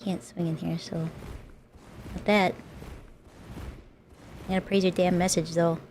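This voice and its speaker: A woman's voice: fairly low pitch, level tone, slow pace, a little mellow, slight background noise. A woman livestreamer chatting casually while she plays a game, with a playful, cute anime-streamer manner. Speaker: livestreamer, VTuber host. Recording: music playing behind the voice.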